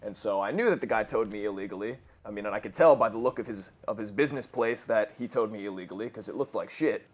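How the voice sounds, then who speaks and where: Talking fast with few pauses, a low-voiced man in his 20s narrates casual, crude stories while playing a game. It's a gaming commentary packed with swearing, and he often stops to correct himself.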